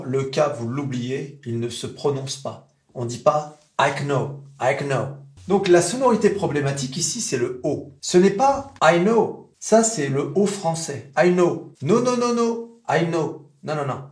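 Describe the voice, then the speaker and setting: A man giving a pronunciation lesson, repeating words slowly and clearly to model the sounds. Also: mid-range voice, darkish tone, echoey room. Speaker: English teacher.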